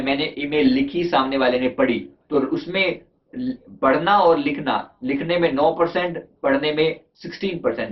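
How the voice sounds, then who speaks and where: A man, a life coach, giving a conversational motivational talk on communication, asking his listeners rhetorical questions and mixing in English terms. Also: on the high side. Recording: dull lo-fi recording.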